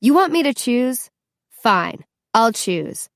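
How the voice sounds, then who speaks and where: A woman's voice: mid-range voice, moderate pace, dry recording, clean studio sound, natural voice. A woman voicing a fiery, fed-up teenage girl who snaps sharply, in an audiobook. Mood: furious. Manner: sharp, exasperated yelling.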